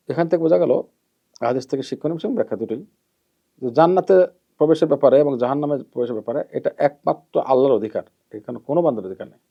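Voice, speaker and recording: A man giving a measured hadith lesson as an Islamic preacher, repeating key terms and letting his phrases trail off softly. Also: fairly high pitch. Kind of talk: hadith lesson, explaining and admonishing. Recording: dull lo-fi recording.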